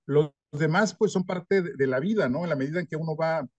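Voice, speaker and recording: A man's voice: fairly high pitch, fairly quick, a little mellow, dry recording, lo-fi sound. An older man from Mexico, a historian answering interview questions in a thoughtful way, often ending points with a tag question. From northern Mexico. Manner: thoughtful, frequent tag questions, light self-deprecating humor. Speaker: historian guest.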